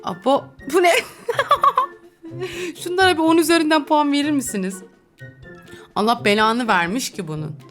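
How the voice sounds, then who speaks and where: A woman's voice: high voice, moderate pace, long pauses, soft background music. A young woman giving playful, teasing game commentary, laughing often and swearing casually. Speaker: gaming YouTuber.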